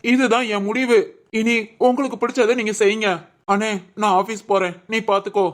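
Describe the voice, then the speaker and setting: A woman's voice: fairly high pitch, little pitch movement, brisk. A woman voicing the members of a homemade family drama in an emotional, conversational way.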